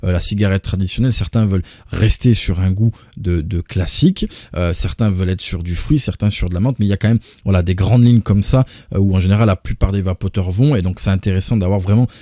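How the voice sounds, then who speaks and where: A man's voice: low voice, quick pace, hardly any pauses, warm tone, dry recording, clean studio sound. A man from France casually explaining products on his channel, with many hesitations and fillers. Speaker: product presenter.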